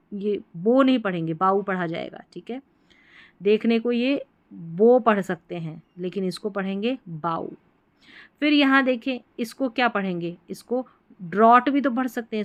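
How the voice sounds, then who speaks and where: A woman teaching English spelling and pronunciation, repeating each word slowly and quizzing the listener. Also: on the high side, dry recording, muffled recording. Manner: repeats words and asks students to answer back.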